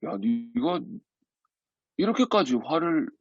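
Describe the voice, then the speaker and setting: A man's voice: medium pitch, sing-song, slow, no room sound, lo-fi sound. A man doing God as a blunt, stern father. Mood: stern questioning.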